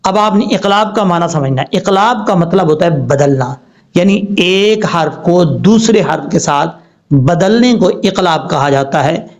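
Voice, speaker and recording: A man teaching Quran recitation rules with a Pakistani Urdu accent, spelling out words slowly, letter by letter. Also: on the high side. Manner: slow, deliberate letter-by-letter spelling. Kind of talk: spelling-out tajweed lesson. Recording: dull lo-fi recording.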